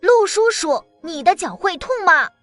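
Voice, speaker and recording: A woman voicing a cheeky little boy in an animated drama, who talks in a chatty, blunt, childlike way. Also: extremely high pitch, moderate pace, faint music behind. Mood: chirpy. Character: small cheeky boy about to start kindergarten.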